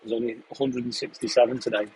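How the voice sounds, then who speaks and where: A man's voice: medium pitch, fast talker, a little hiss or hum, poor audio. A young man from England live-streaming from his sprayer cab, chatting casually and answering viewers' questions while he works. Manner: relaxed, chatty, answers questions between running commentary on the job. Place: inside a tractor sprayer cab, in a field.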